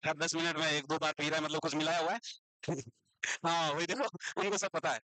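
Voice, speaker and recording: A man lectures a class in a high, bright voice, asking questions and repeating the answers. He scolds students who talk in class. The sound is dry and close. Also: fairly even intonation, brisk, no room sound, rough recording. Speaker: teacher.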